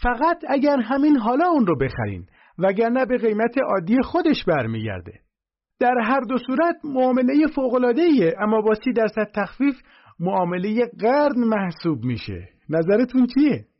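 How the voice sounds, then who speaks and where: A man doing a squeaky, pushy young salesman. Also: big pitch swings, muffled recording. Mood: eager, pushy. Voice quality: high squeaky voice. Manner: overeager hard-sell pitch. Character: smug young male pen salesman, pushy.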